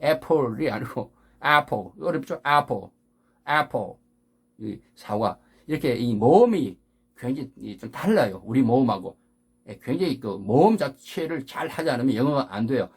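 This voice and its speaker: An older man teaching English pronunciation in a casual spoken lesson, patient and encouraging, drilling each sound by repeating it slowly. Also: mid-range voice, big pitch swings, dark tone, husky.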